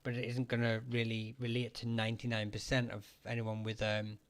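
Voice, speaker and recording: A man with a fairly low, completely flat voice hosts a casual live chat, fielding questions about surnames. He speaks haltingly, full of fillers and restarts, and thanks viewers for their gifts. His voice is getting hoarse and he keeps clearing his throat.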